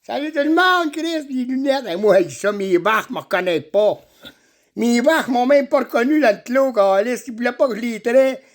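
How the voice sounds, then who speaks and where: A man's voice: extremely high pitch, expressive, moderate pace, pitched above the performer's own voice. A man playing a crude, swearing middle-aged farmer with a Quebec French accent in a comedy sketch. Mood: rowdy. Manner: swearing, rowdy, rambling.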